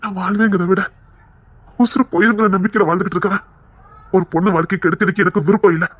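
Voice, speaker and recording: A man's voice: high voice, steady tone, rapid-fire, fairly bright tone, dry recording. Man playing a remorseful, pleading husband. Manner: earnest, pleading, sorrowful. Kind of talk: Tamil audio story acting.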